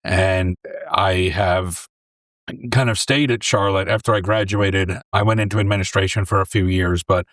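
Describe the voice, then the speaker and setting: A man from New York in his forties, a deli owner and former English teacher, telling his story in a relaxed, rambling way on a close podcast mic. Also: sits low, moderate pace, no room sound. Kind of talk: casual interview storytelling.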